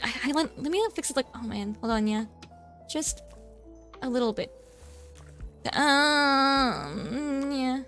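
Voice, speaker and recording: A woman VTuber chatting casually while playing a game, flustered and chatty, tacking a cutesy "nya" onto her lines. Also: sits high. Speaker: VTuber streamer. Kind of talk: casual gameplay streaming chat.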